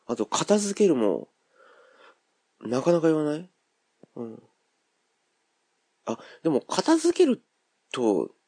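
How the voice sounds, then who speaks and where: A man's voice: medium pitch, a little mellow, slightly rough, no room sound, clean studio sound. A man with a Kansai accent hosting a podcast, thinking aloud in a rambling, casual monologue full of fillers. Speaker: podcast host.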